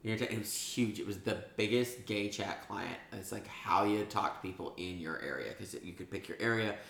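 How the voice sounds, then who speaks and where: A podcast co-host in his thirties tells crude, bawdy stories with plenty of laughter and animation. His voice is gravelly and on the low side, moving at a moderate pace in a roomy-sounding space.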